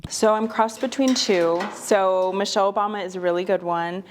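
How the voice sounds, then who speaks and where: A woman's voice: medium pitch, fairly even intonation, moderate pace, a little hiss or hum. A young woman answering interview questions in a thoughtful, earnest way, with a few ums. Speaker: student interviewee.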